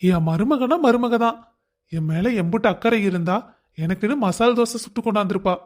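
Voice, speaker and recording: A woman voicing an elderly, fond father-in-law who speaks slowly in a village manner. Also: mid-range voice, darkish tone, pitched below the performer's own voice, close to an everyday voice.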